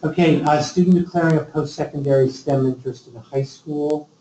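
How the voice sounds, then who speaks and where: A man's voice: a little high, steady tone, a little fast, warm tone, slight background noise. A man in a committee meeting discussion, leading the agenda and thinking aloud with frequent restarts. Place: meeting room. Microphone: distant room mic. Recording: dull, echoey meeting room from far off.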